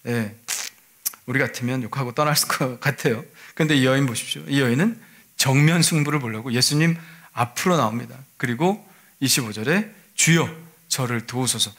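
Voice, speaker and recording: A man's voice: mid-range voice, normal speed, a bit bright. A male pastor giving a sermon in a conversational way, often asking his listeners rhetorical questions.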